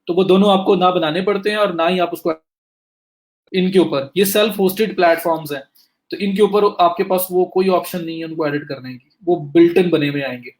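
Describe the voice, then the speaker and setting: A man teaching a live online class, walking students through each click step by step and saying he is speaking fast to cover more, in with a flavour. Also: sits high. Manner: talks students through clicks step by step, addresses them directly. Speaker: digital marketing instructor. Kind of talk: live screen-share lecture.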